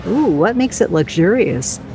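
An actress playing a cheeky mother in her sixties, wry and lively. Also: mid-range voice, a little slow, noisy background. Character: cheeky newly retired mother.

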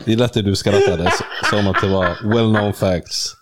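A man's voice: lowish voice, steady tone, background noise. A young man co-hosting a casual chat, laughing often and telling stories with mimicked quotes in slangy talk. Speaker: podcast co-host. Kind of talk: casual banter between friends.

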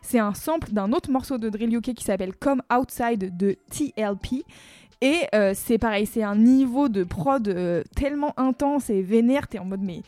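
A woman's voice: on the high side, moderate pace, dark tone, no echo. Chatty French-speaking woman hosting music talk. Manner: chatty and enthusiastic, many fillers. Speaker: music radio host. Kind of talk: casual music chat.

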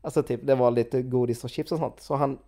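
Young woman, casual chat, animated retelling, quoted voices, fillers. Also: rumbling low.

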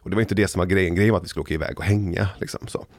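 A man from Gothenburg co-hosting a podcast, telling animated childhood anecdotes. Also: low voice, no room sound, studio quality. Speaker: podcast co-host. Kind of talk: casual chat.

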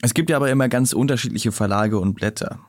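An actor playing a journalist who argues in a composed, assured way in a podcast interview of an audio drama. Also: male voice, medium pitch, fast, no echo, studio quality, natural voice. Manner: composed, argumentative. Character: journalist defending his publisher.

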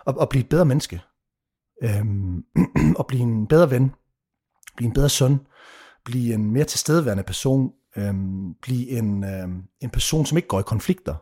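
A man's voice: mid-range voice, darkish tone. A man in his thirties talking passionately in a casual podcast conversation, emphatic, swearing freely and dropping English phrases. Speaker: mentor and guest.

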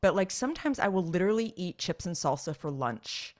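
A woman co-hosting a casual comedy podcast, chatting in an animated way, laughing often and restarting her sentences. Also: on the low side, fairly quick. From California. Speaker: podcast co-host.

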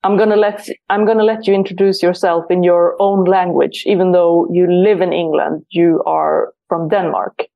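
A woman's voice: lowish voice, moderate pace, gravelly, few pauses, lo-fi sound. A woman hosting a podcast, chatting casually and repeating words as she searches for what to say. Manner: animated, repeats words while searching for them. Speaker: podcast host. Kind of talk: casual interview chat.

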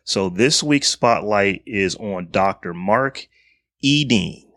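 A middle-aged man with a fairly low voice hosts a casual podcast. He reads out a spotlight segment and keeps stopping to riff in slang. The recording is dry and close, with no room sound. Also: lively intonation, takes it slowly, a bit bright, no room sound. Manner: reads notes aloud, then riffs with slang and asides. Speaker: podcast host.

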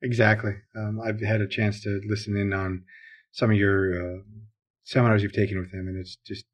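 Minnesotan man, husky casual podcast voice. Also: fairly low pitch. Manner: relaxed, chatty, with fillers and quick reactions. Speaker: podcast co-host.

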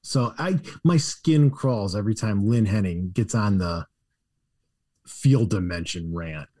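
A man's voice: fairly low pitch, unhurried, dark tone, no room sound, clean studio sound. A man co-hosting a sports podcast, reading listener questions aloud and chatting casually with a joking tone. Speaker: podcast co-host.

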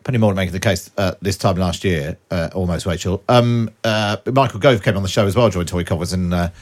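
A man's voice: sits low, fast. A British man presenting a political radio show as host.

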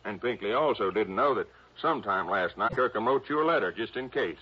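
A stubborn small-town chief of about fifty with a rural American accent. The voice is husky and lowish, drawling and stumbling over words with total certainty. It sounds like a dull old radio drama. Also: male voice, expressive, fairly quick. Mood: cocksure. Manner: drawling, stammering, cocksure.

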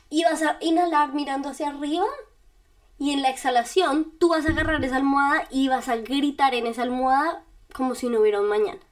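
A woman podcast host giving casual step-by-step self-help directions, speaking straight to the listener in a chatty, informal way. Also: sits high. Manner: chatty and informal, with little laughs.

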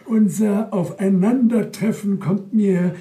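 In a German audio drama, an actor plays a nervous Japanese businessman who is polite but evasive, stammering and hesitating with an anxious mood. His voice is high, slow and mellow, and the room is echoey.

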